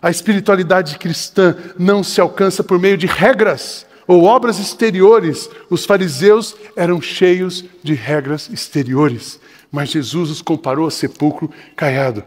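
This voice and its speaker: An older man with a Brazilian Portuguese accent preaching a sermon in church, swinging between shouting and lowered, urgent tones. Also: a little slow, in a large hall. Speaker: pastor. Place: church sanctuary.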